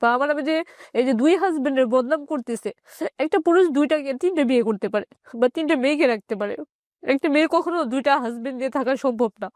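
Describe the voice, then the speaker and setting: A woman with a Bangladeshi accent recounts her own story for an interviewer, stopping and starting and circling back to the same phrases. She's high-pitched with a darkish tone, captured dry in clean studio sound.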